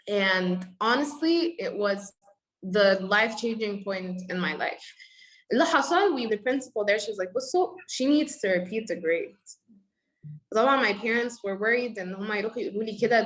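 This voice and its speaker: A young Egyptian woman with an Egyptian accent talks at a rapid clip, her voice sitting a little above the usual woman's pitch. She slips between English and Arabic in one breath. She voices her parents and teachers with animated little quotes as she goes. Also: rough recording. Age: young adult. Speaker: guest. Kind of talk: conversational storytelling.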